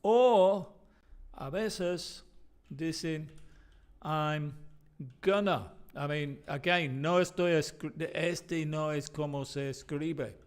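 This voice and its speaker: A man's voice: fairly high pitch, drawn-out words, clear, resonant tone. A man who is a native English speaker, teaching an English lesson in Spanish, explaining step by step and repeating example sentences with small slips.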